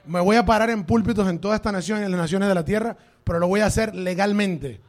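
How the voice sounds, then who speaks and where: A man's voice: high voice, fast. A male pastor preaching a sermon to a congregation in a church, emphatic and dropping into English phrases.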